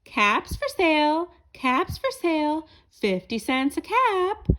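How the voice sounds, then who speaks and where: Woman reading as a humble, high-voiced cap peddler. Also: sing-song, takes it slowly, fairly bright tone, a little hiss or hum, heavily acted. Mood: eager.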